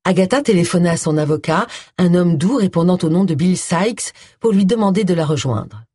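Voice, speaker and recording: An audiobook narrator reading a crime novel in an expressive storytelling manner. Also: mid-range voice, brisk, breathy edge, dry recording, studio quality. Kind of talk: scripted narration.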